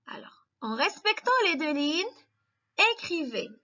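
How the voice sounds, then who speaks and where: A high, bright-voiced woman teaching young children, speaking very slowly and patiently as she walks them through each step with encouragement. The recording sounds a little dull and lo-fi. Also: very animated. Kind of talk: slow, clear classroom instruction for young children.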